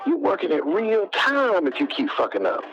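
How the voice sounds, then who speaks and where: A man's voice: sits high, huge pitch swings, normal speed, fairly bright tone, a little hiss or hum. A young man stammering and giving in on a recorded jail payphone call, heard over a dull lo-fi phone line. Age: young adult. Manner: stammering, submissive.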